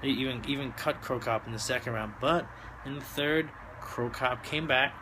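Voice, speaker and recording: A man hosting a casual solo fight recap, talking in a loose, halting, drunken ramble. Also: mid-range voice, noisy background. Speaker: host of a fight-talk show.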